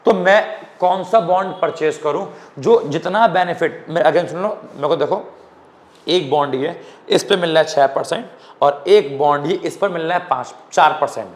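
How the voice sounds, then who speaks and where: A young man from India teaching an economics lecture in an informal classroom style, often checking whether students follow. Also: fairly high pitch.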